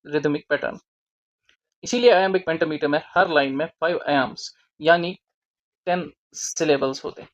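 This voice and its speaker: A teacher explaining a literature topic in a deliberate lesson, spelling out key terms word by word. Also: medium pitch, muffled recording.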